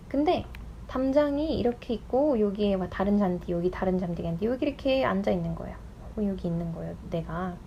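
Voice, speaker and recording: A woman teaching an English lesson online, explaining expressions step by step, asking her students questions and reading example lines slowly. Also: a little high, dark tone, a little hiss or hum.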